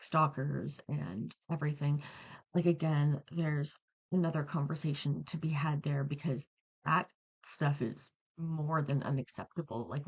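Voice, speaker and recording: Woman vlogger, low and warm, rambling earnest commentary, slightly muffled recording. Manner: chatty, digressive and earnest. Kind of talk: casual commentary to camera.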